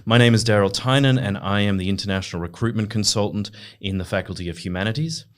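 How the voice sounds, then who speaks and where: A man's voice: on the low side, fast talker. Polite man hosting a podcast. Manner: polite, formal. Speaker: podcast host. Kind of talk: interview. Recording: audio podcast.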